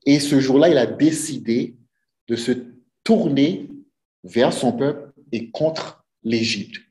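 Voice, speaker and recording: Man, preacher, sermon, earnest, rhetorical questions, mid pitch, echoey church room. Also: slow pace, mellow. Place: church sanctuary.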